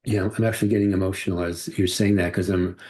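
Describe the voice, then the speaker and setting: A middle-aged man hosting a casual conversation. He talks in an animated, playful way and slips into character voices. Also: deep voice, fast talker. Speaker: podcast host and audiobook narrator.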